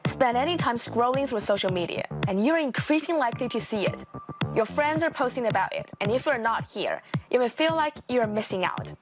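A woman reporter narrates a news feature in a lively, conversational tone. Her voice sits a little high. Music plays clearly beneath her narration. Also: fairly quick.

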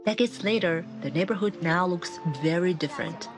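Low-voiced woman news reporter. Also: music in the background. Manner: measured reporting delivery. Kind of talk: scripted news narration.

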